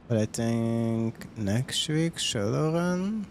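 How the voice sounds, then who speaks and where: A game streamer gives casual live gameplay commentary in an animated, medium-pitched, slightly mellow voice, drawing out his words. He thinks aloud, questions himself as he plays, and reads on-screen text and chat. There's a little hiss or hum.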